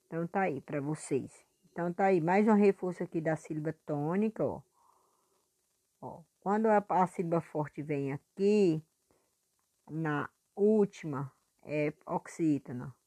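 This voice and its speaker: A woman teacher recording a lesson review for her pupils, patient and clear, stretching words out to stress syllables. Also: lowish voice, warm tone.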